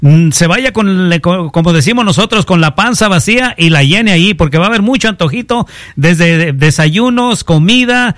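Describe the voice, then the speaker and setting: Chatty high-voiced radio host man. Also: expressive, moderate pace, hardly any pauses, fairly bright tone, no echo, clean studio sound. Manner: chatty, rambling with filler phrases. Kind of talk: radio interview.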